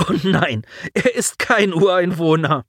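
A man playing a cheerful young friend, high voice, breezy, loud, sci-fi audiobook. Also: a little slow, no room sound, studio quality.

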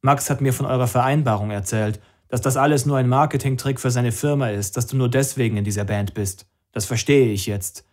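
A man's voice: mid-range voice, brisk, few pauses, darkish tone, natural voice. A man voicing a stern, disapproving middle-aged father in an audiobook, speaking bluntly in a lecturing tone. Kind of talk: audiobook character reading.

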